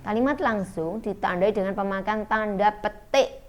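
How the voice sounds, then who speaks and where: A woman's voice: mid-range voice, normal speed. A middle-aged woman teacher giving an online school lesson, explaining step by step with frequent fillers.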